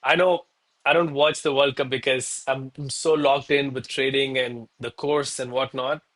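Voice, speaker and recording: At normal speed and with fairly even intonation, a man talks in a medium-pitched, slightly bright voice. He's a trading streamer giving his chat casual commentary, all informal gym-bro hype, addressing everyone as bro, man or guys.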